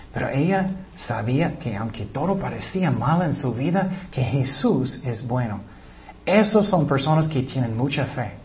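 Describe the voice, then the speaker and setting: A man's voice: a little high, dull audio. A man preaching a sermon in an earnest, emphatic way. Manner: earnest, emphatic, breaks into acted quotes.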